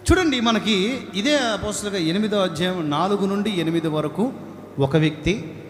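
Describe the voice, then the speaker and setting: High-voiced male preacher, echoey hall. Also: normal speed. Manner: exhorting, calls for congregational responses; dramatic wailing laments in a raised voice. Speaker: pastor. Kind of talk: Telugu sermon to a congregation. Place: church hall. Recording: echoey hall with ambient noise.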